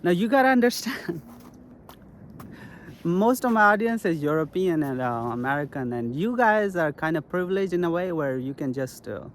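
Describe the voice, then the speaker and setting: A man's voice: a little high, lively intonation, normal speed, slight background noise. A young man from Pakistan talking earnestly to camera in a casual vlog, repeating his key points. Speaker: self-help vlogger.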